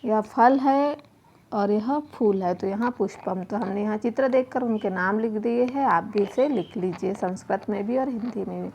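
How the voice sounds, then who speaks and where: A woman teacher going slowly through a children's worksheet, spelling words letter by letter and answering her own questions. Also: medium pitch, vocal fry, darkish tone. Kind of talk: slow worksheet lesson for children. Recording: muffled home video with faint noise.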